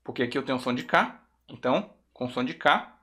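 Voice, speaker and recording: A man from Brazil gives an English lesson on video in a voice of ordinary middle pitch. He says each example sentence slowly and clearly, more than once, and keeps checking that his viewers follow. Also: animated, sharp tone. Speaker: English teacher.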